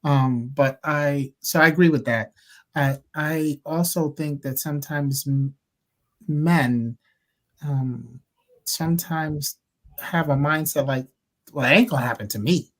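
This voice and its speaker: Man, panel member at a church talk; animated, playful quoting. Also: on the high side, unhurried.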